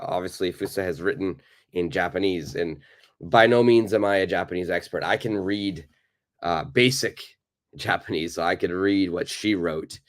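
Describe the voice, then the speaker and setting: A man with a low-pitched, raspy voice and a cold teaches an English lesson live online. He greets his viewers and repeats points slowly.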